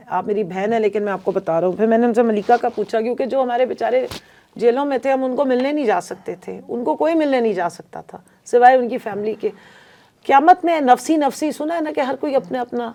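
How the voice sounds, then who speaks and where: A woman's voice: mid-range voice, dark tone. A woman from Pakistan, a politician guest on a podcast interview, telling her story in an emphatic, earnest way.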